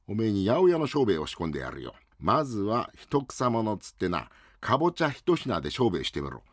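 A man voicing a bossy older uncle who runs a greengrocer, scolding in rough old-fashioned speech, in rakugo storytelling. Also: lowish voice, wildly swooping pitch, brisk, dry recording, clean studio sound.

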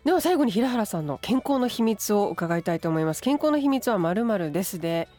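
Woman radio host, animated pitch, attentive, quick interjections, faint music bed. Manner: lively, attentive, frequent interjections. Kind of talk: radio talk show hosting. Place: radio studio.

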